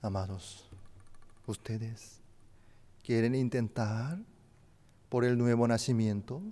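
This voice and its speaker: A man preaching a sermon as pastor, a non-native speaker of Spanish with a native Korean background, swinging between loud emphatic rises and hushed soft drops. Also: mid-range voice, steady tone, takes it slowly. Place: church sanctuary. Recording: church hall with long reverb.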